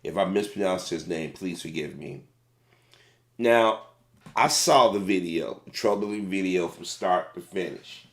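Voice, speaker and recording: A middle-aged man, a former fast food manager, giving casual, plain-spoken commentary on a video. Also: low voice, roomy sound.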